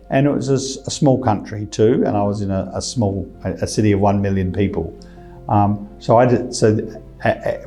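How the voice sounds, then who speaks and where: An older Australian man in his sixties talks through his answers in a low, mellow voice. He circles back often, restarting sentences and leaning on fillers, with a South Australian accent throughout. Soft music sits faintly behind him. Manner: rambling with many restarts and fillers. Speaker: guest. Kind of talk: interview answers.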